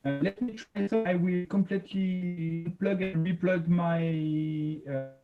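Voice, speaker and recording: A man's voice: sits high, fairly even intonation, faint music behind. Man on choppy, cutting-out call audio. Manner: halting, broken-up phrasing. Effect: choppy audio that keeps cutting out over a video call. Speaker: remote presenter on a video call. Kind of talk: live demo presentation. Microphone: computer or phone on a video call. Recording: dull lo-fi video call audio.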